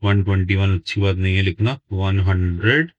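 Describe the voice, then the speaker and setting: Low-voiced man teaching maths slowly. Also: monotone, a little mellow, no echo, dull audio. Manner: slow, deliberate, dictates numbers word by word while writing. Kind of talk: step-by-step lesson explanation.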